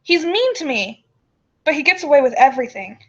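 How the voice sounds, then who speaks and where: Woman acting a aggrieved little kid, high pitch, whiny, storybook character, muffled lo-fi recording. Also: sing-song, a little fast. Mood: sulky. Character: whiny, aggrieved young child complaining to grown-ups.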